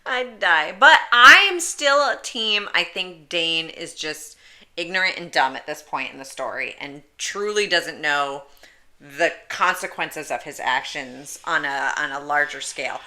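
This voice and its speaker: A woman co-hosting a podcast in casual chat, excitable and full of jokes and rhetorical questions. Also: low-pitched, unhurried. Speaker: podcast co-host.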